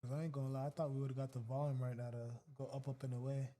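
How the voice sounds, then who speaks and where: A man's voice: medium pitch, level tone, fast talker, warm tone. A man hosting a trading livestream, giving casual, slangy live commentary and talking to his chat.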